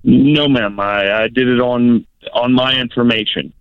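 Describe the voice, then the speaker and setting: A man calling in to a radio advice show over the phone, hesitant and halting, politely saying sir and ma'am. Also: medium pitch, fairly even intonation, clear, resonant tone, dry recording. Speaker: caller. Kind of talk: casual call-in chat. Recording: tinny dry phone line.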